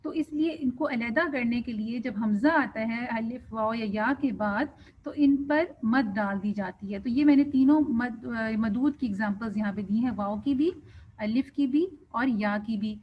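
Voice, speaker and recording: A woman's voice: a little high, a little hiss or hum. A woman teaching a Quran recitation lesson, patiently explaining pronunciation and showing wrong and right ways. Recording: dull lo-fi sound.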